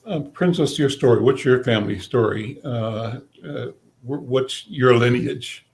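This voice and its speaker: A man's voice: mid-range voice, a little slow, vocal fry, darkish tone. A man hosting a talk show, asking probing questions and repeating words as he goes. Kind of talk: interview questions.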